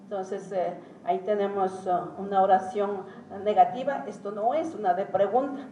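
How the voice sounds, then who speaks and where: A woman giving an academic lecture as a teacher, talking haltingly with many pauses and hesitations. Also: medium pitch, steady tone, mellow. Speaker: symposium speaker and Quichua teacher. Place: conference hall. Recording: roomy hall, distant mic, faint noise.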